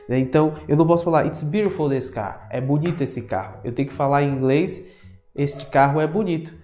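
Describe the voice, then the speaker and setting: Female English teacher, low mellow voice, patient explainer, roomy echo with faint music under it. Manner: explains patiently, slows down for English example phrases. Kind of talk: casual video lesson.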